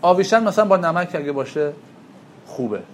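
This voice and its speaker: A man with a high voice lectures a class on traditional medicine. He talks animatedly, throws questions at his students and answers them himself. His voice rings in a roomy, echoey classroom. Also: lively intonation, slight background noise.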